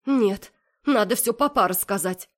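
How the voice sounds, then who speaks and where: A woman voicing a tearful middle-aged mother who pleads with her daughter in a high, anxious voice. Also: measured pace, lightly acted. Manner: high, pleading, close to tears.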